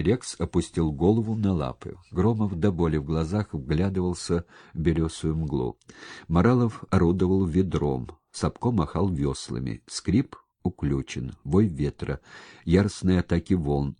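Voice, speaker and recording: A man reading an audiobook aloud, animated storytelling with a close mic. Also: sits low, breathy edge, no echo. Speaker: audiobook narrator.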